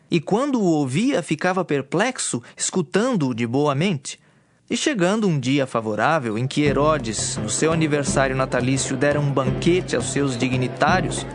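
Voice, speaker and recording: This is a dramatized Bible narration: a man, whose voice sits fairly high for a male, reads scripture from a script while music plays clearly beneath.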